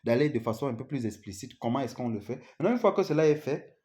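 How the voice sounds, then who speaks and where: A man's voice: medium pitch, lively intonation, quick pace, warm tone. A man giving an unscripted motivational talk, speaking earnestly to the listener, often asking "you see?" and restarting his sentences. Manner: earnest, repeats "vous voyez?", restarts and stammers.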